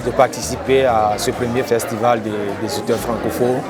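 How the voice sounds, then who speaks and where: A man from Togo, an author, introducing himself haltingly with many fillers. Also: medium pitch, steady tone, over a noisy crowd. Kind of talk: interview soundbite.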